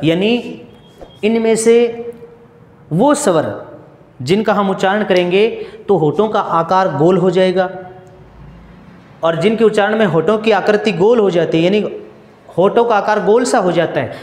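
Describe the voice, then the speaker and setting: A man teaching Hindi grammar in a slow classroom style, asking questions and answering them himself and going over each point again. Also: sits high, a little mellow, roomy sound, in a large hall. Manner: repeats and restates points, asks questions then answers them. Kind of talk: slow, repetitive classroom explanation.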